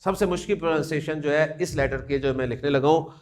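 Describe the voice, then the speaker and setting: A man from Pakistan, teaching a class the Arabic alphabet. He says the letters aloud slowly, one by one, asks the class questions and mixes English words into his Urdu. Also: fairly high pitch.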